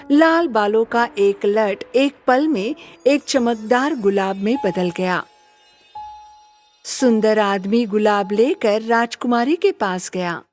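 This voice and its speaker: Slow lilting woman narrating a kids' story. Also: a little high, dry recording. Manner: gentle, storybook. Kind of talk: scripted children's story narration. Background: soft music.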